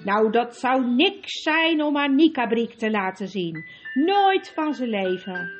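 A woman's voice: fairly high pitch, animated, slow pace, dull audio, faint music behind. A woman voicing a fussy, hesitant male dwarf who stammers and apologizes in an audiobook. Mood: muttering.

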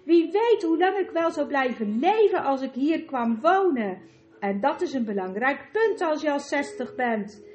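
A woman reading an audiobook and voicing a greedy, excitable sixty-year-old man who gushes and schemes. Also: high-pitched, a little slow, pitched above the performer's own voice. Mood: gleeful greedy. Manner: gushing, scheming, rubs hands with glee. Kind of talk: audiobook character voice.

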